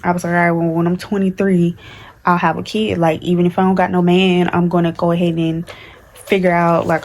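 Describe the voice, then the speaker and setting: A woman in her early twenties with talks candidly in a rambling vlog chat, full of fillers and restarts. Her voice sits low and stays fairly flat in pitch throughout. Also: a little hiss or hum. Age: 20s. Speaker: vlogger. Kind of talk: casual chat to camera.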